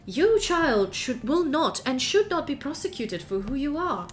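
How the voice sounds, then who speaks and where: A woman voicing a calm, formal female archbishop with a French accent. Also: sits high, soft background music, pitched above the performer's own voice. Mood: soothing. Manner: soothing, formal, measured.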